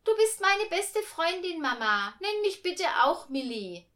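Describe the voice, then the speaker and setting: An eager little schoolgirl from a storybook, high and bright, as a woman reads her. Her voice leaps up and down with lively energy, slow and careful in pace. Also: heavily acted.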